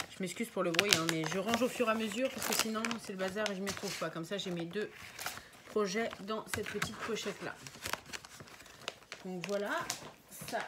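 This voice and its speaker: Chatty woman, hesitant, noisy room. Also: mid-range voice. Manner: chatty, thinking aloud with many hesitations. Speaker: crafting vlogger. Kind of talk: casual show-and-tell vlog. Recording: noisy home recording with crinkling packaging.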